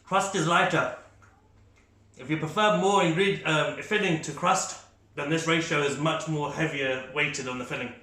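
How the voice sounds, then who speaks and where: In an echoey room, a food reviewer host with a fairly high, sharp voice talks unhurriedly in a steady tone. He chats with enthusiasm as he eats, speaking through mouthfuls and scoring each bite in casual tasting commentary.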